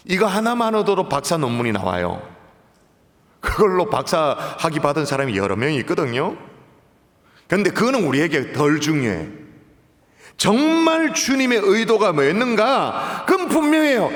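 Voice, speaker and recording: A male pastor preaching a sermon in a church, telling the story vividly and moving between quiet and emphatic delivery. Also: high-pitched. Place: church sanctuary. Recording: echoey hall with long reverb.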